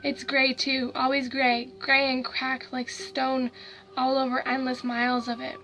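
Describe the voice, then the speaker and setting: A woman voicing a dead young boy who talks in a hushed voice, bitter and growling with hatred. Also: sits high, monotone, measured pace, soft background music, low-quality recording. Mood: terrified.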